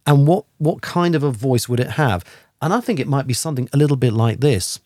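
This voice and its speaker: A man hosts a radio podcast in a relaxed, rambling way, with plenty of ums and restarts. His voice is mid-pitched and sounds dry and close, as in a studio. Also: fairly quick, dry recording. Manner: rambling, many fillers and restarts. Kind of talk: casual radio chat.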